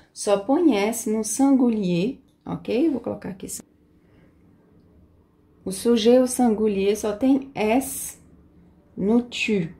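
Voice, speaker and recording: Woman, Portuguese first language, French teacher. Slow, patient delivery, dark gravelly tone. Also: mid-range voice. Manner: patient, repeats each point carefully. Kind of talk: slow explanatory lesson.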